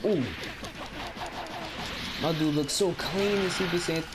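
A man giving excitable, trash-talking commentary while playing a video game. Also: on the high side, slow pace. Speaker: gamer. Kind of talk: let's play commentary. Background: game music.

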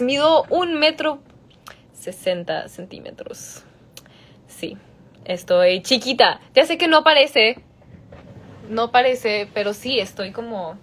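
A woman's voice: a little high, animated, slow, long pauses, fairly bright tone. A young woman answering fan questions on a phone livestream, switching between Spanish and English with frequent laughs. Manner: bilingual, giggly, chatty, reads questions aloud. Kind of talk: casual livestream Q&A.

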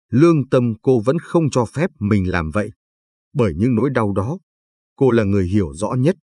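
A man narrating a late-night story in a steady, plain reading. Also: medium pitch, breathy edge, no room sound.

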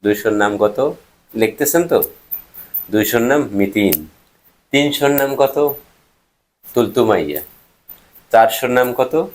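A man giving a casual spoken language lesson, repeating each word slowly and checking that viewers are writing it down. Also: fairly low pitch. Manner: repeats words slowly for learners, asks if they are writing. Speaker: language teacher vlogger.

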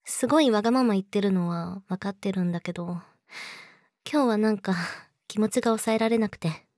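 A woman's voice: mid-range voice, brisk, darkish tone, no room sound, clean studio sound, natural voice. A woman playing a young, clingy yandere girlfriend in an intimate audio drama, sweet and eerily obsessive, coaxing the listener. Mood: apologetic, clingy.

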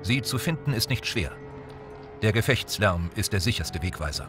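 Low-voiced male documentary narrator. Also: music in the background. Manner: measured, even reading. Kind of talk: scripted narration. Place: voice-over booth. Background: documentary score.

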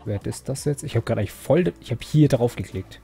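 Gravelly young man rambling over gameplay. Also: medium pitch, animated, fairly quick, mellow, faint music behind. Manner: rambling, self-mocking, frequent fillers and restarts. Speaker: Let's Play host. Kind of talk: casual gameplay commentary.

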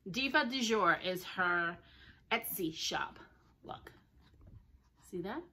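A woman chatting casually as she unboxes parcels at home, gushing and excited, often talking to her dogs. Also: on the low side, slow, a little hiss or hum. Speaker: vlogger. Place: home, indoors.

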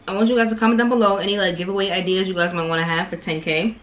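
A woman's voice: medium pitch, fairly even intonation, very fast, poor audio. A young woman vlogger chatting casually as she eats dinner on camera in her home kitchen, recorded by a camera close in front of her. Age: young adult. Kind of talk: casual chat while eating. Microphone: camera on table at close range.

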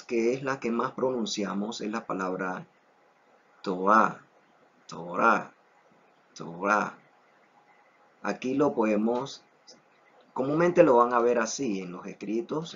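A man teaching an online Hebrew lesson, slow and deliberate, repeating each word three times so it sinks in. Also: lowish voice, fairly bright tone, breathy edge. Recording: dull lo-fi recording.

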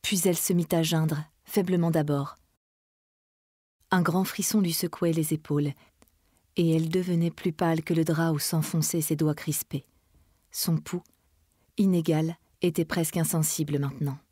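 A woman reads a classic novel aloud in a measured, dramatic way. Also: low voice, steady tone, a little mellow, no echo, clean studio sound. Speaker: reader. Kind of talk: literary reading.

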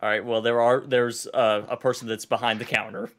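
A man running a livestreamed tabletop game as game master, talking in a halting way with fillers and restarts. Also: mid-range voice, flat delivery, fairly bright tone.

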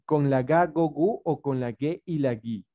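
A woman's voice: sits low, unhurried. A woman with an Ecuadorian Spanish accent, teaching young children in an online class over a video call, patient and coaxing, with many diminutives. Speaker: primary school teacher. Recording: muffled video-call audio.

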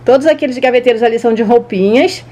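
A Brazilian woman with a fairly high voice gives a casual, chatty tour for young viewers. She talks informally as she points things out, recorded on a handheld camera in a small indoor room. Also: fast talker, warm tone. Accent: Brazilian Portuguese. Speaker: children's toy channel vlogger. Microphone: handheld camera at arm's length.

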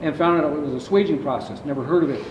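A middle-aged man answers interview questions about his business at length while gesturing with his hands. His voice is a little high, and it is picked up by a distant camera in a large, echoey warehouse. The audio is dull, with clear background noise. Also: fast. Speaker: ammunition company founder, interview guest. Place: large warehouse with shelving, indoors.

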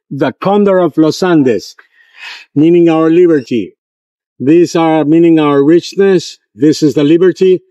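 An older man hosting a walking tour vlog outdoors on city streets, filmed with a handheld camera at arm's length, pitching his tours to viewers with enthusiasm. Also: a little mellow, highs cut off. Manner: enthusiastic salesy asides to viewers. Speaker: tour guide.

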